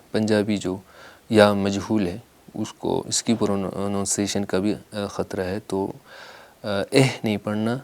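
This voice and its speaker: A man teaching correct prayer pronunciation, explaining in a measured way with filler pauses and slowly drawn-out recited examples. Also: lowish voice, darkish tone. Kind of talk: instructional lesson with slow recitation.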